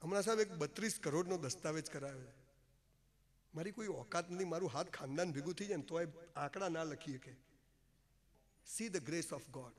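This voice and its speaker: High-voiced man speaking in a hall. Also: normal speed. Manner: emphatic, folksy, joking, with English phrases. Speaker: motivational speaker. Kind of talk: public speech to an audience. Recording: long hall reverb.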